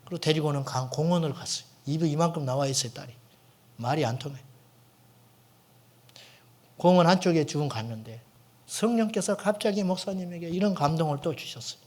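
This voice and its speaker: Male pastor, middle-aged, slightly high voice, animated sermon storytelling with sudden hushed asides. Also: brisk, long pauses. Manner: storytelling, dramatic swings from loud to hushed. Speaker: senior pastor. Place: church sanctuary.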